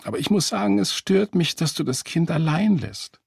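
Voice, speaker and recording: A man's voice: fairly high pitch, animated, moderate pace, vocal fry, slightly rough, dry recording, studio quality, voice pushed up, full character voice. A man voicing a smug, controlling man who lectures his date in a coldly reproachful way. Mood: lecturing.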